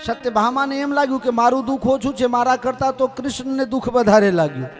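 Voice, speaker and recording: A man's voice: very high-pitched, quick pace, faint music behind. A man from Gujarat preaching a devotional scripture story, with humorous asides to the audience. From Gujarat, India. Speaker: katha preacher.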